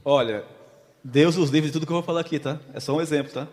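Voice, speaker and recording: A man delivers a sermon with a volunteer illustration, dramatizing a story and questioning his listeners. He talks fast in a darkish tone though his voice sits somewhat high for a man, and the church hall gives it a long reverb.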